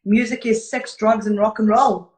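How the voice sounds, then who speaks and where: A guest singer from Zimbabwe tells her story with warm earnestness in a casual live interview, greeting viewers between answers. Her voice is on the high side, fairly even in intonation and moderate in pace, heard in an echoey room.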